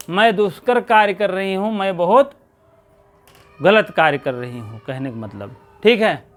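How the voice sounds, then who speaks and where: Slow, high-voiced male teacher. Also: a bit bright, clear, resonant tone. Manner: repeats words and glosses them, asks and answers his own questions. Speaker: Sanskrit teacher. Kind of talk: exam-prep lesson explaining verse line by line.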